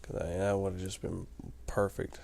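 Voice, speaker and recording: Gravelly, tired let's-play guy. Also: low voice, flat delivery, a little slow, a little mellow. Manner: rambling, explanatory, chatty. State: tired, yawning late at night. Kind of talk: casual gameplay commentary.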